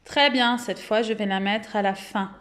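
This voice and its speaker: A woman with a French accent giving a phonics lesson to young children at home, speaking patiently and clearly and drawing out each word's syllables. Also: medium pitch, fairly even intonation, fairly bright tone. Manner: slow, clear, patient, syllables drawn out and repeated. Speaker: kindergarten teacher.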